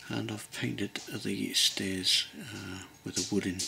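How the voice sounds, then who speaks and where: A middle-aged English man giving a relaxed modelling tutorial at his workbench, thinking aloud with many pauses and ums. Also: on the low side, vocal fry, noisy background. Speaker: model railway builder. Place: workbench at home.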